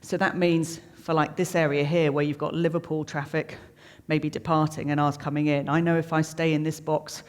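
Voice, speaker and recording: Delivered in a flat, mid-range voice at a moderate pace with few pauses, this is a chatty, plain-spoken talk by a middle-aged air traffic controller. Addressing a live audience in a reverberant room, he simplifies technical detail informally, and long hall reverb echoes throughout.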